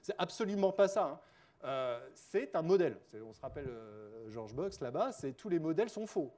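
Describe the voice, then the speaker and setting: A man's voice: fairly high pitch, sing-song, moderate pace, a little mellow. A man giving a spontaneous conference lecture as a researcher, chatty, with frequent fillers, self-corrections and wry joking asides.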